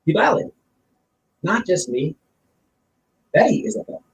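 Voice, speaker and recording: Speaking in a high, creaky voice with big pitch swings and no hurry, a male streamer delivers emphatic, opinionated commentary in a blunt, casual way. He repeats himself and illustrates points with examples, recorded on a far-off mic in a roomy space with a little noise.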